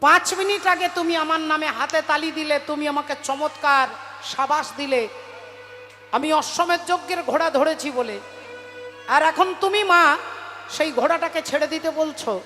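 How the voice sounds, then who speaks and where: A woman's voice: high voice, sharp tone. A woman voicing an insistent young prince who questions his mother, in an echoey hall with music behind.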